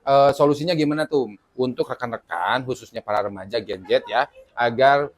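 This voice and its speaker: Male host, casual chat, lively and questioning, middle pitch. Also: moderate pace. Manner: lively, asks questions and builds on answers. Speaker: podcast host.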